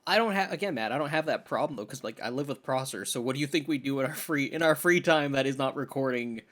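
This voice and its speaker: A man's voice: medium pitch, fast. A man in his thirties co-hosting a film podcast, teasing his friend in casual chat. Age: 30s. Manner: teasing, animated, jokey. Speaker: podcast co-host.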